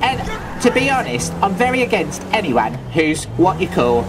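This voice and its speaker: A man with a London Cockney accent playing a loveable, daft, thieving Cockney man in comedic gameplay commentary, rambling in chatty, absurd deadpan asides. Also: high voice, moderate pace, over music. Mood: cheeky.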